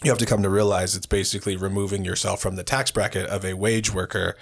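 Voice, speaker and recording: A man's voice: sits low, flat delivery, fast talker, vocal fry. A man hosting a podcast, casually explaining business basics in a rambling way with frequent restarts. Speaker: podcast host.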